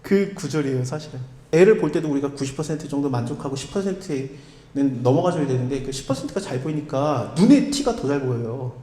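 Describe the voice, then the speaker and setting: Animated male pastor in an echoey hall. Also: mid-range voice, brisk. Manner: conversational, asks the listeners rhetorical questions. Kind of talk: expository sermon. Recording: echoey hall with long reverb.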